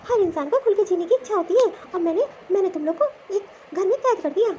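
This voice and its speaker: A woman's voice: extremely high pitch, lively intonation, fast, dark tone, highs cut off, a little hiss or hum. A woman voicing a strict, bossy older mother-in-law in a cartoon story, scolding and commanding. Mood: remorseful.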